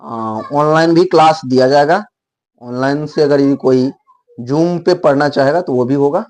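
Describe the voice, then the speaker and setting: High-voiced man teaching word origins. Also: a little slow, a little mellow. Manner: explains step by step, repeats words to model pronunciation. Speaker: English teacher. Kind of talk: explanatory video lesson.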